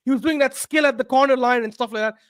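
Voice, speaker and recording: Brief: animated British podcast co-host, rapid delivery. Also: male voice, very high voice, clear, resonant tone, no room sound, clean studio sound. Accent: British English. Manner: animated, emphatic, argues with repeated "like". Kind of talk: casual football chat.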